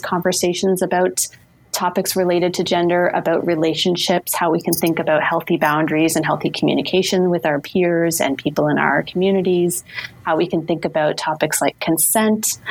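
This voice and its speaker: A woman with a slightly low voice answers as an interview guest on a remote call. She is earnest and articulate, explaining her work as a social worker in long sentences full of lists. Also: husky.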